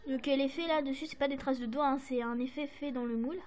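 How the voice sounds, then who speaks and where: High-voiced French woman chatting about crafts. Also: steady tone, quick pace, a little mellow. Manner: chatty, hesitant, many fillers and apologies. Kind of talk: casual show-and-tell to camera.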